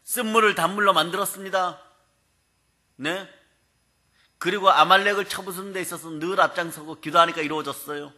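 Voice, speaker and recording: A male pastor preaching a sermon in a humorous, lively way, often prompting the congregation to answer. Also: sits high, brisk, long pauses. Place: prayer house sanctuary.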